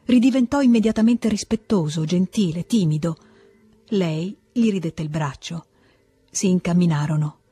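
Female audiobook reader: measured, husky, dry close sound. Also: fairly low pitch, dry recording, faint music behind. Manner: measured, calm reading. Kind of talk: literary audiobook narration.

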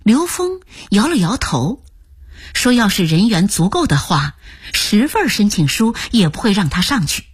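Woman, audiobook narration, breathy, very dry sound. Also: mid-range voice, very animated, a little slow, no echo. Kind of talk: scripted novel narration.

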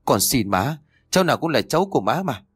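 A man's voice: medium pitch, sing-song, fast talker, slightly rough, no echo, clean studio sound. A man voicing a desperate young pregnant wife, pleading in anguish in a storybook reading.

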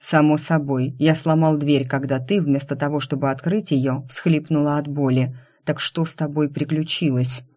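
A woman reading the lines of a calm, mocking male vampire boss in an audiobook, in a dry, unhurried, teasing manner. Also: sits low. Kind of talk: audiobook character voice.

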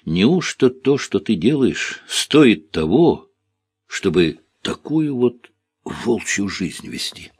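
A man voicing a weary middle-aged village woman in an audiobook, husky, with folksy, soft, reproachful speech. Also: fairly low pitch, sing-song, slow pace, dry recording, exaggerated voice. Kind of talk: audiobook character reading.

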